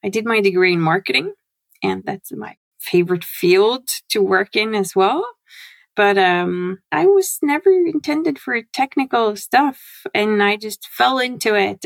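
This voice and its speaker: A woman, a guest chatting in an animated way and laughing often. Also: medium pitch, vocal fry, no echo. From Norway. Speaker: guest, CRM consultant. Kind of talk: casual interview chat. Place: home.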